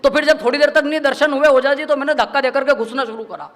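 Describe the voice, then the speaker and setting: A man's voice: very high-pitched, steady tone, quick pace, fairly bright tone. A man performs as a comic poet on stage. He talks in chatty, self-mocking stories and slips into the voices of the people in them. He speaks into a stage microphone at a live poetry gathering. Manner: chatty storytelling, acts out quoted voices, laughs often. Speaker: stand-up comedic poet. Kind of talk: humorous poetry-stage banter.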